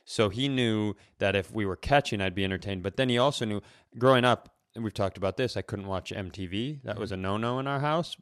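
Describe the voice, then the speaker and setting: A middle-aged man with a lowish, clear, resonant voice speaks a bit fast in a dry, studio-quality recording. Co-hosting a comedy podcast, he tells stories in casual chat, animatedly acting out quotes and swearing freely.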